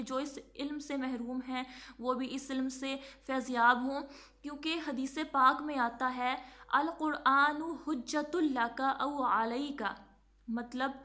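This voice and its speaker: A woman teaching recitation in a high, clear voice with a bright edge. She explains patiently, repeating words slowly to show how each sound is made, and drops English words into her talk. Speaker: religious teacher. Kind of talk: instructional talk on Quran recitation.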